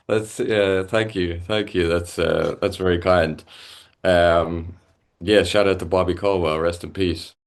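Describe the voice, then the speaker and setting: A young Irish musician, appearing as a guest, chats casually in an interview, his halting speech full of fillers and restarts. His voice is low and steady.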